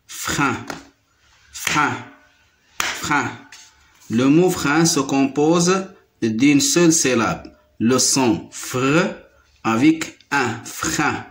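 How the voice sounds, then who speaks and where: Male teacher with Moroccan French accent, very slow and deliberate, repeats words for young pupils. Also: medium pitch. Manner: slow, repeats each word several times. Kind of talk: primary school phonics lesson.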